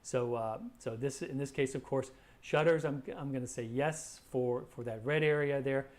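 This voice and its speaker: A man's voice: medium pitch, fairly even intonation, normal speed. A man presenting a live weather briefing as a forecaster, talking conversationally and hesitantly, often repeating words as he explains.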